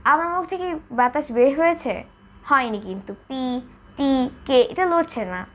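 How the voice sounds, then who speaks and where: A young adult woman with a high-sitting, fairly bright, animated voice teaches spoken English at a moderate pace in a bilingual pronunciation lesson. She moves between Bengali and English, repeating sounds and single words to demonstrate them.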